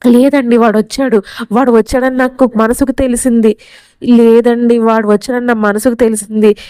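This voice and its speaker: A woman's voice: fairly high pitch, little pitch movement, normal speed, mellow, smooth, no room sound, close to an everyday voice. A woman reading the lines of a grieving middle-aged mother lamenting her son. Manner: lamenting, sorrowful.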